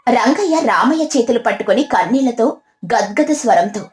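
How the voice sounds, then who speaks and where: A woman's voice: a little high, expressive, normal speed. Woman narrating a storybook, roomy sound. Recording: roomy with soft background music.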